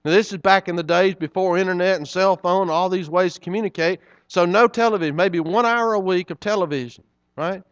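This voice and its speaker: Speaking a little fast in a high voice, this middle-aged preacher spins sermon stories in a homespun, chatty manner, frequently breaking off to talk to his congregation. The sound is lo-fi, with no room tone.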